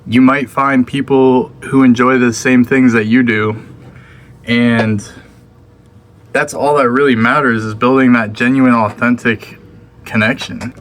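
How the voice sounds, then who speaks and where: A man's voice: medium pitch, a bit bright, a little hiss or hum. A young man chatting casually to the camera in a laid-back, slangy way, sometimes talking with his mouth full. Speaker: vlogger. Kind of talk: casual vlog chat.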